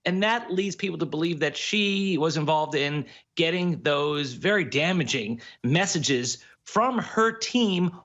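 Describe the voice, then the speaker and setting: A man giving legal analysis in a television news interview, explaining the case in quick, measured commentary. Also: on the high side, expressive, fairly bright tone, muffled recording.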